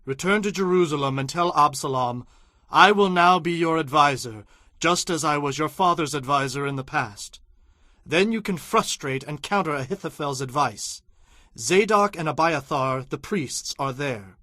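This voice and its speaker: A man's voice: fairly high pitch, moderate pace, pushed and bright, no echo, clean studio sound. An actor playing a solemn exiled king, earnest and commanding, in a dramatized audio Bible. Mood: instructing. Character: sorrowful exiled king, resigned yet commanding.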